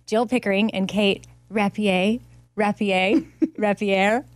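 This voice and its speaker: A woman's voice: medium pitch, steady tone, takes it slowly, no echo. Lady in her 40s hosting a podcast, chatty and upbeat, dry close sound. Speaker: podcast host. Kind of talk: casual chat and read ads.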